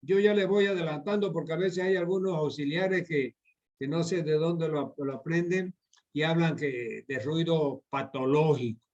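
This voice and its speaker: A man's voice: on the high side, normal speed, a little mellow. A middle-aged man giving a medical lecture over slides, repeating key points and addressing his students directly. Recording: dull lo-fi lecture recording.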